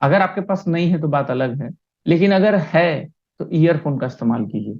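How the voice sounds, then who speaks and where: A man's voice: on the high side, animated, moderate pace. Patient teacher man on a lo-fi video call. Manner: patient, keeps checking understanding. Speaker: primary school teacher. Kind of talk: online class lesson.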